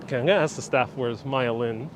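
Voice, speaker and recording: A man from Puerto Rico talks fast in a medium-pitched voice while live-streaming a casual tour of a large outdoor sculpture park as a vlog host, chatting and reading viewer comments aloud. The background is noisy, and he's recorded on a phone gimbal with a wireless mic.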